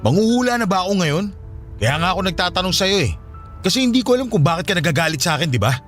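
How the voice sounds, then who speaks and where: A man's voice: sits high, lively intonation, rapid-fire, a bit bright, faint music behind. A man acting in a radio drama as a young man who pleads and keeps asking questions, then apologizes. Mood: pleading.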